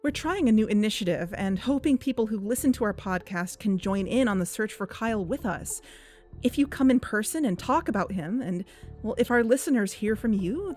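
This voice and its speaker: In an audio drama, an actress plays an earnest, persuasive young woman hosting an investigative podcast, delivering fiction podcast narration and phone dialogue. Her fairly high voice has a darkish tone, and her manner is earnest and coaxing.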